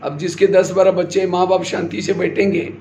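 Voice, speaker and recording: A man's voice: sits high, flat delivery, a little fast, a little mellow. A man giving a spiritual class in sermon style, asking his audience questions and answering them himself. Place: hall with a live audience. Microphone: handheld or stand mic. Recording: echoey hall with faint noise.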